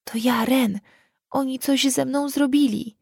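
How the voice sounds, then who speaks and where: A woman's voice: sits high, steady tone, a little slow, creaky, darkish tone, slightly rough, no echo, clean studio sound, voice pushed up, heavily acted. A woman voicing a frightened young girl who pleads through tears in a breaking voice. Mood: frightened pleading.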